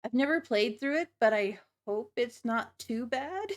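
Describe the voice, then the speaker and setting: A woman's voice: fairly high pitch, animated, measured pace. A woman livestreamer chatting casually to viewers, with a giggly, apologetic and slightly nervous manner. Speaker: livestreamer, virtual avatar host.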